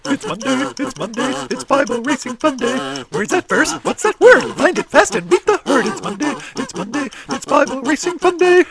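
A man voicing an excitable puppet-like sidekick on a children's show, with a raspy, creaky voice. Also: high-pitched, normal speed, crowd noise, full character voice. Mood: gleeful.

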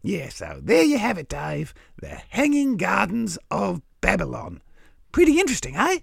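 A cheerful Australian crow with a very gravelly, husky voice. He talks like a blokey tradesman, full of matey slang and folksy asides, and his pitch swings about in a scripted comic educational chat. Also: wildly swooping pitch, moderate pace, no echo, studio quality, heavily acted. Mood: chatty, matey. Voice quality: gravelly, raspy.

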